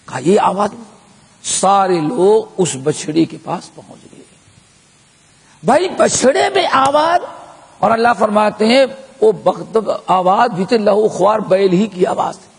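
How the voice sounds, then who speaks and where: A man's voice: high voice, vocal fry, husky. A man giving a sermon of Quran commentary, telling a story and putting rhetorical questions to the listeners. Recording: long echo of a large hall.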